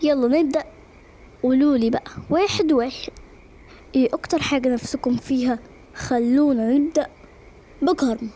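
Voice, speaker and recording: A woman voicing a strange, mysterious old man in an animated story, speaking slowly and calmly. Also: high-pitched, a little hiss or hum, natural voice.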